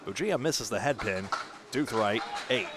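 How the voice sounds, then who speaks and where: A man doing live play-by-play commentary for a bowling match, with lively bursts of excitement on big shots. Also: on the low side, unhurried, background noise.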